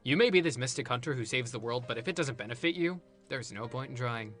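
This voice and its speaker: Cynical teammate, male actor: sharp mid-range voice, sardonic drama delivery, faint music. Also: medium pitch, animated, fast talker, lightly acted. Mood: sardonic contempt. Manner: sardonic, cutting. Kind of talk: amateur animated drama acting.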